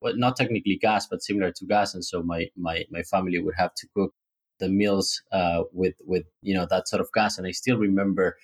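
Deep-voiced Argentine man telling stories. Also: brisk, breathy edge. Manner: relaxed, many fillers and restarts. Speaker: guest entrepreneur. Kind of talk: casual interview storytelling.

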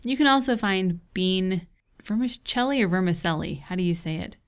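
A woman's voice: on the low side, moderate pace, clean tone. A woman hosting a hiking podcast with a playful, teasing edge. She walks through her segments step by step in a chatty, conversational way. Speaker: podcast co-host. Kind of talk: casual chat and show segments.

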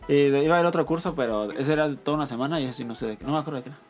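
A man's voice: a little high, rapid-fire, soft background music. A man co-hosting a podcast, rambling and tripping over his words. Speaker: podcast co-host. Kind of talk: casual chat.

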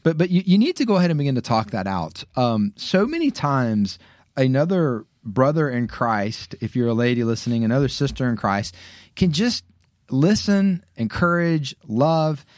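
Earnest man giving slow pastoral advice. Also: mid-range voice, very animated, dry recording, studio quality. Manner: earnest, lists points slowly with emphatic pauses. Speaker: podcast co-host offering pastoral advice. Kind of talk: casual faith podcast chat.

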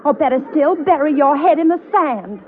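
An actress playing a naive, chatty young woman tourist who gets flustered, in 1930s film dialogue, halting and earnest. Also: high voice, animated, over loud music. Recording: tinny, hissy old film soundtrack.

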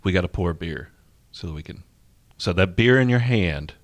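A man's voice: sits low, animated, normal speed. A man who is an expert brewer, talking in casual chat, blunt and opinionated with dry jokes. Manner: opinionated, blunt, dryly joking.

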